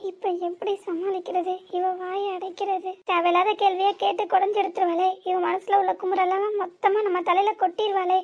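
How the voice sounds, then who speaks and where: A woman playing a young cartoon daughter, defiant and indignant, very high-pitched, quick talker. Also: level tone. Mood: worried aside. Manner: indignant, talking back, muttering asides to herself. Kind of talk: cartoon serial voice acting.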